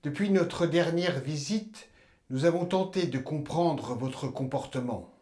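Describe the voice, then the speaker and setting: A man playing an aloof alien emperor who lectures humans in a formal, measured, detached way in a science-fiction drama. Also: a little high, lively intonation. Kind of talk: scripted science-fiction monologue. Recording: loud background noise and ambience.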